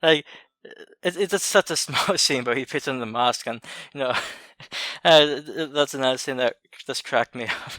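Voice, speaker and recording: A man co-hosting a casual movie podcast, talking thoughtfully with many pauses and light laughs. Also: mid-range voice, sharp tone, no room sound. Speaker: podcast co-host.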